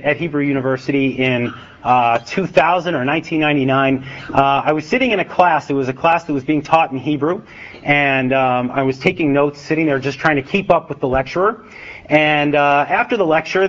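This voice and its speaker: An American man giving a relaxed talk as an author, with many fillers and acted-out dialogue. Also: on the high side, fairly quick, muffled recording. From United States. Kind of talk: public talk with a joke. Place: event hall with a live audience.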